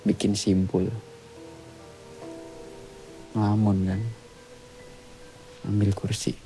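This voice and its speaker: A man with a low, gravelly voice recounts a ghost story as a podcast guest. He talks in short, clipped sentences with a halting, plain delivery. His tone is dark and mellow, and faint music plays underneath. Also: monotone, rough recording. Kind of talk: casual spoken retelling of a ghost story.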